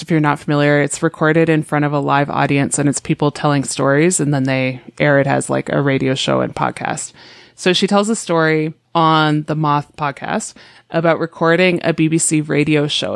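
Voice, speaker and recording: A woman's voice: low voice, steady tone, normal speed, vocal fry, dry recording, clean studio sound. A woman telling animal stories in casual podcast chat, full of fillers. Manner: chatty storytelling with many fillers. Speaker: podcast guest.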